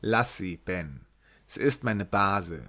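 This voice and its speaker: A man murmuring as a melancholy young Irishman. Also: measured pace. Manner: murmured, low and soft. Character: melancholy, strong young Irishman, quiet and calm.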